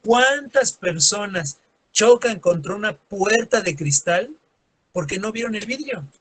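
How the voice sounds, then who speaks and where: A man's voice: high-pitched, lively intonation, a little slow, a bit bright. A man teaching a lesson, acting out everyday scenes in quoted voices and adding sarcastic asides. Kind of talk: classroom lecture.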